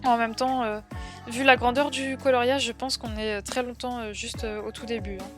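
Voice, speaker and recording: A young woman with a French accent streams live, casually reading out viewers' comments and replying with plenty of fillers. Her fairly high voice is steady in tone at a moderate pace, with music in the background.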